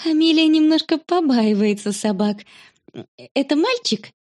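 A woman voicing a gentle, caring mother in a storybook reading, speaking softly and reassuringly. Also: medium pitch, sing-song, moderate pace. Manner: soft, reassuring.

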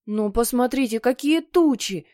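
Woman doing a whiny stubborn kid, higher voice, dry sound. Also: animated, measured pace, dark tone, dry recording. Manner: whining, defiant. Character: whiny stubborn boy who hates outdoors.

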